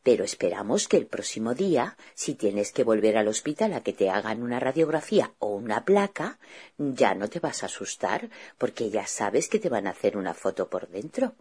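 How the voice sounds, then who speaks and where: A woman hosts a children's show in a very deep, husky voice. She talks with a lively, swinging intonation and patiently reassures a child character, explaining things simply. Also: normal speed.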